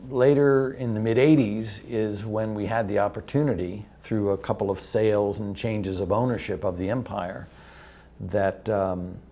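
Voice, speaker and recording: A man in a documentary interview, recalling events in a reflective, measured way. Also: lowish voice, steady tone, mellow.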